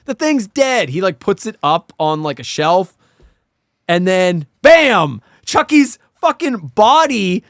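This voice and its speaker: A man co-hosting a casual film discussion, retelling things in an animated, sweary way and acting out quotes. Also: sits high, takes it slowly, dry recording, clean studio sound. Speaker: podcast co-host.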